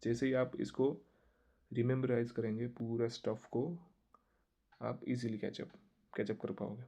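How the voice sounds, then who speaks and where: A man giving a casual online German lesson, explaining slowly and repetitively while mixing Hindi and English. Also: mid-range voice, flat delivery, creaky, dark tone. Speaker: German language teacher.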